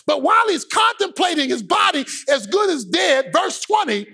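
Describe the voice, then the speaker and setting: A man preaching a sermon with an impassioned, sing-song shouted cadence. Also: extremely high pitch, big pitch swings, normal speed, gravelly.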